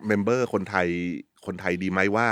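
A man from Thailand answering interview questions, thinking aloud quickly with repeated words and casual slang. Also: fairly low pitch, steady tone, fairly bright tone, dry recording, clean studio sound. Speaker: streaming company content director, guest.

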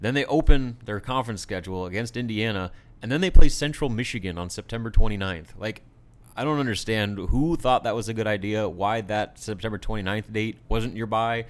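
A low, smooth-voiced American man talks sports as a show panelist. His analysis is conversational, with a clean, clear tone. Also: a little fast.

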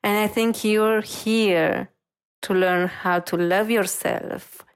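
A woman reiki master speaks in an unhurried, measured way while giving an intuitive reading. Her tone is earnest and gently reassuring, and her pitch sits in an ordinary middle range for a woman. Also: fairly even intonation.

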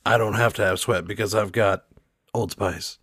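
A man's voice: fairly low pitch, fairly even intonation, brisk, fairly bright tone, dry recording, clean studio sound. A man in casual, improvised comedy banter as a player on a role-play podcast.

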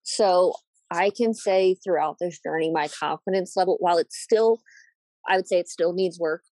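A woman talking in a casual chat about her fitness progress as a coaching client, reflective and halting, with many "um"s and restarts. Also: on the low side, darkish tone, dry recording. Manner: reflective, halting, frequent "um" and repeated starts. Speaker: coaching client and guest host.

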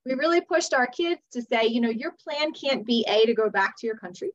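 A woman's voice: a little high, fairly quick. American woman guest, slightly muffled audio. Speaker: podcast guest, teacher and author. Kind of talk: conversational personal storytelling.

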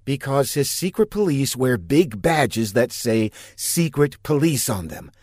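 A man's voice: medium pitch, very animated, a little slow, a little mellow, no room sound, clean studio sound, pitched above the performer's own voice. A man voicing a bossy, sarcastic female secret agent with a raised voice and a curt, scornful manner. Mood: scheming.

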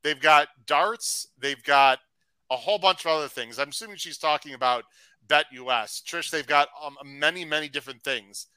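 A man hosting a live racing podcast, chatty and upbeat, reading out shout-outs to viewers. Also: on the high side, moderate pace, clean tone, dry recording, poor audio. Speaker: podcast host. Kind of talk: casual live-stream chat.

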